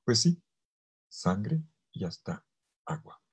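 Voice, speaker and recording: A male priest giving a theology lecture, swinging between loud emphasis and soft, almost whispered phrases, and stretching key words slowly for weight. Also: fairly low pitch, very animated, breathy edge. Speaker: priest teaching a theology course. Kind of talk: theology lecture to a virtual audience.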